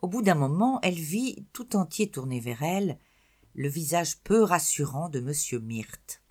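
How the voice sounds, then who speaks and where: An audiobook narrator reading a novel in a measured, expressive storytelling voice. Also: medium pitch. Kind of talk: scripted literary narration.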